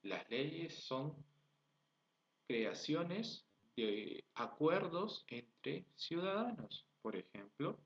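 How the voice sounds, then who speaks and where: A man's voice: fairly high pitch, very animated, drawn-out words, gravelly. Man, peruvian accent, teacher lecturing, rhetorical questions, dull lo-fi sound. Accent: Peruvian Spanish. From Peru. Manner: explains step by step, asks rhetorical questions, checks in with "¿sí?". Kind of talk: recorded online class lecture. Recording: dull lo-fi recording.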